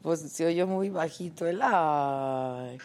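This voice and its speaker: A woman's voice: low-pitched, slow, a little mellow. A middle-aged woman with a Mexican accent, chatty and playful, hosting a live talk show. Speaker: host.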